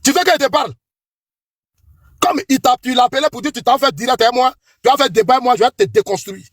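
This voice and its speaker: A middle-aged man with an Ivorian French accent hammers out a combative political rant, accusing and repeating himself for emphasis. His voice sits very high for a man and sounds husky. The sound is dry and close. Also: fast, no room sound, faint music behind. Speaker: political commentator. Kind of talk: heated political tirade.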